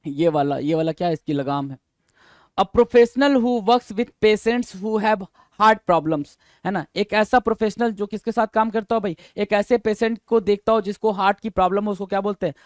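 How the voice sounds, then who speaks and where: A man teaching English vocabulary for exam prep. He reads each definition slowly in English, explains it in Hindi, quizzes the listener with repeated questions and spells the answers letter by letter. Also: sits high, no room sound.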